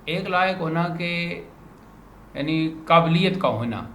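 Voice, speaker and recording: A man teaching a grammar lesson to a student, patiently repeating words slowly as a drill. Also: fairly high pitch, fairly bright tone. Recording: roomy echo, faint background noise.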